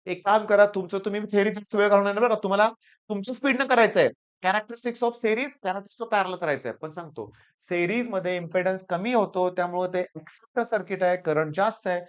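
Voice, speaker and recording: A man with a Marathi accent teaching physics for an exam, hoarse from a sore throat, coaxing his students and repeating the key points. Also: high voice, fast, lo-fi sound. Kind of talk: exam-prep lecture.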